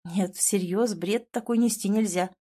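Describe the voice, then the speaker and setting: A woman's voice: medium pitch, a little slow, dark tone, husky. A woman voicing a blunt, irritated young man in an audiobook, speaking in a curt, exasperated way. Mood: angry, curt. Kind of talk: audiobook character voice.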